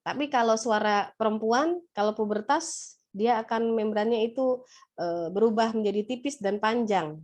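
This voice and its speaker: A woman lecturing nursing students in an online class, asking them questions in a brisk, playful way. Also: on the high side, a little mellow. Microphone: laptop or webcam mic on a video call.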